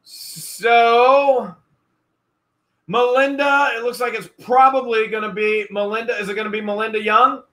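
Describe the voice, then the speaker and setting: Selling storage-unit finds on a casual live stream, the host, a man in his thirties, chats, talks up the bids and repeats each number. He has a very high-pitched, sharp voice with a steady tone and a slightly slow pace. A wall of hats lines the small indoor room behind him, and the audio is poor.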